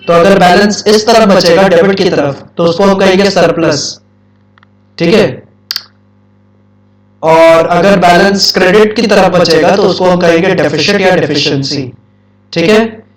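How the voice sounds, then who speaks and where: A high-voiced man lectures an accounts class, firing questions at his students and repeating the key points. He is recorded from far off in an echoey classroom. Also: steady tone, unhurried. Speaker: accounts teacher.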